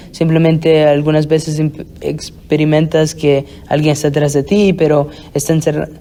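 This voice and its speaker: A male pastor preaching an expository sermon in a deliberate, halting way, often restarting his phrases. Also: on the high side, dark tone.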